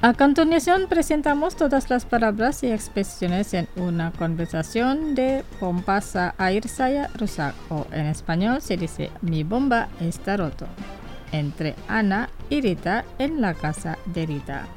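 A woman hosting a radio language lesson, speaking slowly and deliberately and saying each word twice for listeners to repeat. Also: medium pitch, big pitch swings, a little mellow, faint music behind.

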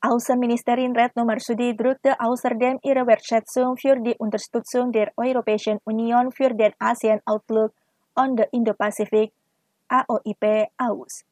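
A woman reading a scripted news report in an even, formal manner. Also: fairly high pitch, dry recording. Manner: even, formal read delivery. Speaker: news reader.

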